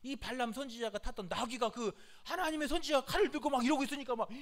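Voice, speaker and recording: A male pastor delivers a sermon with insistent emphasis and a repetitive rhythm. His voice sits high, and he punctuates points with hallelujah. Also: fast, a bit bright.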